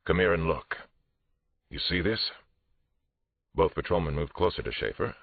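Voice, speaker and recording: In a very deep, husky voice, a man reads a first-person thriller audiobook as a police detective narrator, angry but controlled, tense, restrained, and dramatic. His heavily acted delivery moves at a moderate pace with a grim mood, in roomy, muffled, phone-like audio.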